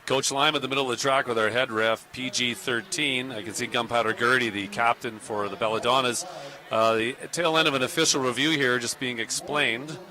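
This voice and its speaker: A man's voice: medium pitch, fairly even intonation, fairly quick, bright, forceful tone. A man doing play-by-play of a roller derby bout from a parked truck at the venue, easygoing and conversational. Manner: easygoing, with small restarts. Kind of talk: live sports play-by-play.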